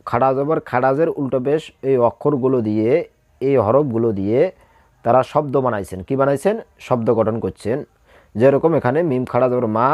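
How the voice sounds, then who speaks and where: A man leads a Quran reading lesson at an even, middling pitch. He spells out each syllable and repeats it patiently, drill-style. His voice sounds dry and close, with no room around it. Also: no room sound. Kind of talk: slow spelling-out recitation lesson.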